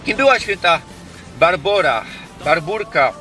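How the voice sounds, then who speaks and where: A man's voice: high voice, lively intonation, unhurried, pushed and bright. A man with a Silesian accent presenting an informal explanatory vlog in dialect. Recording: distant mic, music behind.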